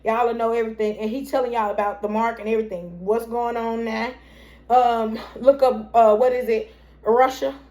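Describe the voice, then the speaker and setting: A young woman tells a long personal story to her viewers. She rambles, circles back and keeps calling them "y'all". Her voice sits a bit on the high side. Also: steady tone, moderate pace, a little mellow. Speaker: vlogger telling her story. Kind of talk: casual storytime monologue.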